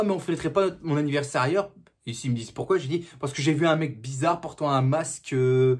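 Man, husky voice, casual slangy film review, repetitive, mock outbursts. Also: fairly high pitch.

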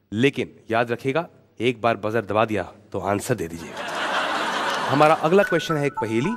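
A man's voice: mid-range voice, slight background noise. A man hosting a TV game show, joking and teasing the contestants. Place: TV studio stage.

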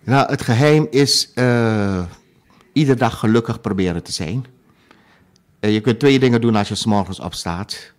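A man's voice: medium pitch, moderate pace. A man in his sixties from Suriname, a musician talking in an interview, hesitant with many fillers and restarts. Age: 60s. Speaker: guest musician. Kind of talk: interview conversation.

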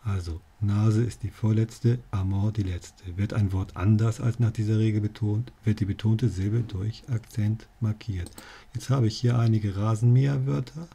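A man's voice: lowish voice, steady tone, normal speed, vocal fry, warm tone, slightly rough. A male teacher explaining spelling rules to learners, with dry jokey asides. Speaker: language teacher.

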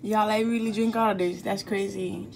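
A woman's voice: mid-range voice, steady tone, moderate pace, faint music behind. A young woman vlogging in a casual, playful way, chatting straight to her viewers as she runs errands. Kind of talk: casual vlog chat to viewers.

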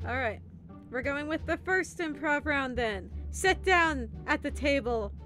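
High-voiced woman hosting a game show. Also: lively intonation, unhurried, pushed and bright, soft background music. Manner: chatty, laughing often, announcing questions and scores.

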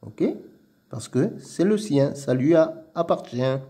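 A man teaching early reading, sounding out letters and syllables slowly and repeating each word twice. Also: mid-range voice, expressive, mellow.

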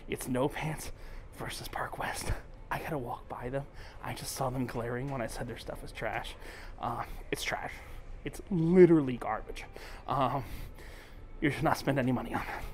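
A tipsy man walks and talks aboard a cruise ship, ranting bluntly with plenty of swearing and occasionally dropping to a mutter. His medium-pitched voice moves at a moderate pace with long pauses, over slight background noise.

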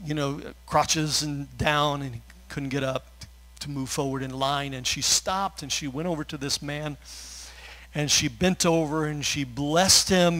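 Emotional man preaching a relaxed sermon. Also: a little high, low-quality recording. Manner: conversational preaching with fillers and asides; gets emotional, laughs through his words. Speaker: pastor.

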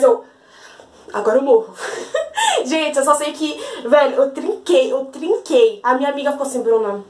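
A young woman from Brazil chatting fast to her viewers in a bright, high voice. She tells her story casually and keeps checking in with her audience. The room around her gives the voice a noticeable echo. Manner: chatty, keeps saying "gente" and "entendeu". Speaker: vlogger.

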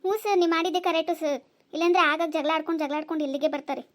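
A woman voicing a sharp-tongued mother who sides with her daughter in a cartoon. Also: very high-pitched, very fast. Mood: scornful. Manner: scornful, bossy.

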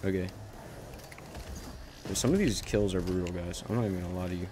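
A man giving casual commentary while he plays a game, rambling with halting starts and frequent self-corrections. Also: deep voice, background noise. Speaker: gaming channel host.

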